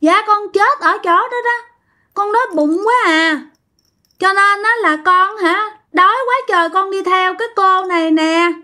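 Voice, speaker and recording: A woman's voice: very high voice, a little slow, bright, forceful tone, pitched above the performer's own voice, full character voice. A woman voicing the hungry ghost of a small child that begs for food, with a Southern Vietnamese accent. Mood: pleading. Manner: pleading, whiny.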